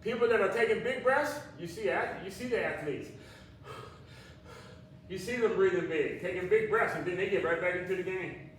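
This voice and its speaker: Male fitness instructor talking informally to a class, high-pitched, plain-spoken, distant in an echoey room. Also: normal speed. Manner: plain-spoken, checks in with "okay" often. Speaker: group exercise instructor for seniors. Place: large echoey indoor room at a senior center. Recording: echoey room, distant mic, faint noise.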